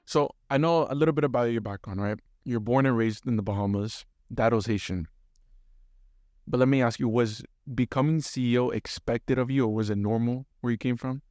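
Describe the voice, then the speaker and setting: A male podcast host interviews his guest, asking probing questions in a conversational way. He talks quickly at an ordinary pitch, and the recording sounds dry and close. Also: darkish tone, no room sound.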